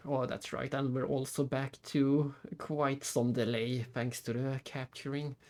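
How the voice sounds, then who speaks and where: A man's voice: mid-range voice, little pitch movement, measured pace, darkish tone. A man live-streaming a game, chatting casually and muttering his thoughts aloud to himself. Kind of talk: casual live-stream chat while playing.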